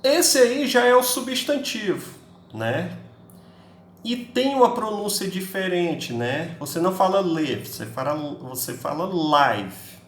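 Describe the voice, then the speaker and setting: Animated man teaching in an echoey room. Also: high-pitched, slow pace, a little hiss or hum. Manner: chatty, peppers speech with tag questions, acts out students' questions. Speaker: English teacher. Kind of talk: recorded class lecture. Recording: echoey room, faint ambience.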